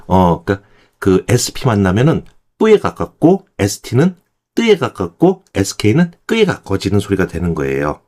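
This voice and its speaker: A man teaching English pronunciation in Korean, explaining step by step and slowing down to demonstrate each word. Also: on the low side, darkish tone. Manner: demonstrates words slowly, then repeats them. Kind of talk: explanatory lesson.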